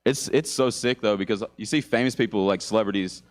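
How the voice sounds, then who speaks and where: A man's voice: lowish voice, fairly quick. A young man with an Australian accent, telling loose, profane stories as a guest comedian. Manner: laid-back, swearing, laughing mid-story. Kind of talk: casual stand-up chat.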